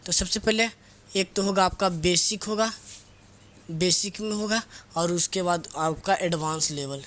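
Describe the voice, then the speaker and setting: A man's voice: sits high, measured pace, fairly bright tone. A male teacher, giving a casual grammar lesson, often asking a question and answering it himself. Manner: repeats key words, asks and answers own questions; casual, teasing scolding of students.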